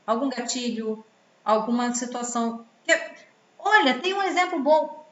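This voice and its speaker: A woman with a fairly high voice gives relationship advice at a measured pace in a commented reading. She is expressive, full of rhetorical questions and acted-out quoted voices, and the recording sounds roomy and slightly dull with faint background noise.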